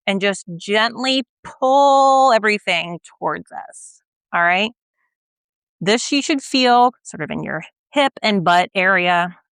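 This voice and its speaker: A young woman guiding a stretching routine, gentle and patient, often checking in with the listener and a little out of breath as she stretches along. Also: mid-range voice, clean tone, no echo. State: slightly out of breath while stretching. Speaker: stretching instructor. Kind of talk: guided exercise instruction.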